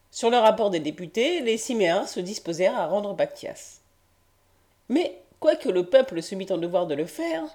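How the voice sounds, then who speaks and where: A woman's voice: a little high, darkish tone. Woman reading ancient history aloud. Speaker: audiobook narrator. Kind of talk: scripted narration of ancient history.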